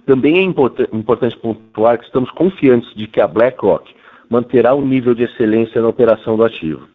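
A man with a Brazilian accent presents prepared company results as a financial executive, formal and measured. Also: mid-range voice, animated. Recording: tinny, narrow telephone line.

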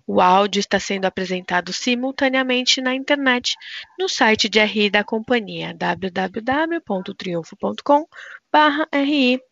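Brazilian woman, call operator. Higher-pitched, polite customer service delivery of scripted announcements, dry lo-fi line. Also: moderate pace, creaky, a bit bright, no room sound. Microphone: conference call line. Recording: dull, lo-fi conference call audio.

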